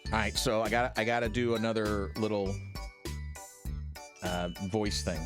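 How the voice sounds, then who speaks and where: A man's voice: lowish voice, steady tone, moderate pace, over music. A man hosting a sports radio show, chatting casually and playfully with his co-host. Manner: chatty, playful, upbeat sign-off.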